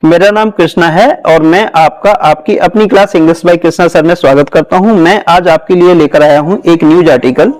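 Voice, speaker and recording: A man with an Indian accent, an English teacher, reads a news article aloud and explains it phrase by phrase, slowly, sometimes spelling words out. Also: on the high side, a little mellow, low-quality recording. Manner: slow, explanatory, stresses word pronunciation and spells words out. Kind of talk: reading a news article aloud with line-by-line translation.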